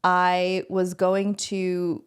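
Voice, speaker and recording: A woman's voice: on the low side, completely flat delivery, drawn-out words, smooth. A woman with a Long Island accent co-hosting a podcast, telling stories in a chatty, giggly way with many likes. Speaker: podcast co-host. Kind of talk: casual chat.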